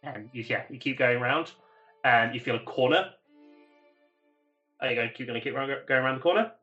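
A man working as game master, improvising narration for a tabletop game in halting fragments. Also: medium pitch, sharp tone, highs cut off, faint music behind. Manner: halting, feeling for words in short fragments.

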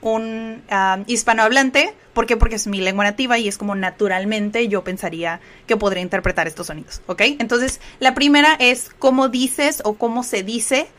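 A woman's voice: on the high side, normal speed, hardly any pauses, fairly bright tone. Chatty Mexican woman teaching English. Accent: Mexican Spanish. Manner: chatty, explanatory, with many filler checks like "¿ok?". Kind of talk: livestreamed English lesson.

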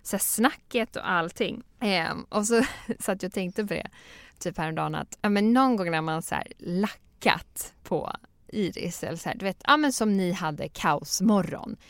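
A young woman podcast host chatting casually, telling lively stories and laughing often. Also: medium pitch, no room sound. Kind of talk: casual chat.

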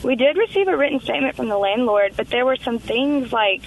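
Call-in listener heard over the phone, halting and filler-heavy, plain mid pitch, faint background noise. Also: lively intonation. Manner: hesitant, many fillers. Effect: heard over a phone line. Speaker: caller. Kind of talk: call-in question on a radio show.

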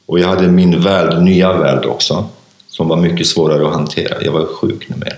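Casting: man with a very deep voice, halting testimony, recorded in a reverberant room. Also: level tone, a little mellow, dull audio. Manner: halting, many fillers and restarts. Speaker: interview guest, author. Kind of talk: personal testimony in an interview. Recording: echoey room.

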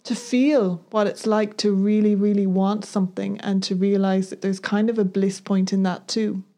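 A woman co-hosting a talk podcast speaks in a mid-range voice with a steady, dark tone at a moderate pace. Thoughtful and earnest, she searches for words as she reflects in the conversational discussion.

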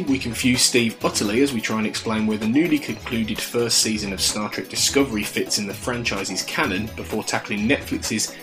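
A man hosting a podcast, reading a scripted introduction. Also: on the low side. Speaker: podcast host. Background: music.

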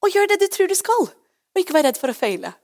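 Chatty woman pastor, higher voice. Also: sing-song, darkish tone. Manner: chatty, often asks "right?"; slips English phrases in. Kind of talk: sermon.

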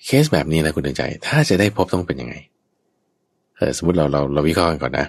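A man's voice: very deep voice, fast, slightly rough. A man, a Buddhist monk teacher, explains the teaching patiently and keeps checking that his listener understands. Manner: acts out others' speech in a raised voice. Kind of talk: dhamma teaching dialogue.

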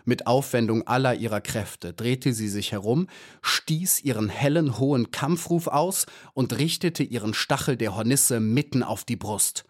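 A man narrating a children's audiobook in a measured, even storytelling manner. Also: medium pitch. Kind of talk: scripted narration.

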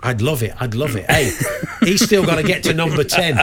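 A man's voice: a little high, animated, fairly quick, fairly bright tone. A man bantering casually as he hosts and plays a guessing game, chatty, teasing and often hesitant. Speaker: quiz game host and contestant.

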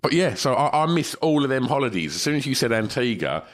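A podcast co-host, a man slightly congested from a cold, rambles and swears through a casual chat. He talks fast in a mid-range voice with big pitch swings.

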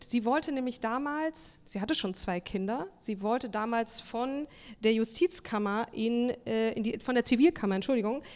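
A woman's voice: fairly high pitch, a little mellow. A woman co-hosting a live podcast before an audience, telling a story and reading aloud, with many fillers. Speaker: podcast co-host. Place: hotel event space with audience. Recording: long hall reverb.

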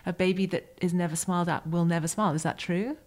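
A woman podcast host who runs antenatal classes, speaking in a lively, chatty way with anecdotes. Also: lowish voice, fast. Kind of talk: podcast conversation.

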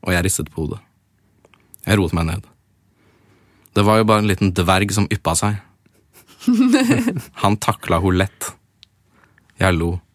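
Deep-voiced man reading fan fiction aloud. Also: dry recording, clean studio sound. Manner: reads in first person, breaks off for jokey comments. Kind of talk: casual chat with dramatic read-aloud.

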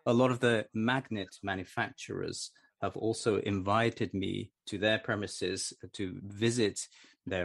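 Sex: man. Role: interpreter. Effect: live interpreter voice-over in first person. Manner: measured, halting, with fillers and restarts. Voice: low, gravelly. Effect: live interpreter voice-over, translating in first person. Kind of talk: spoken simultaneous translation.

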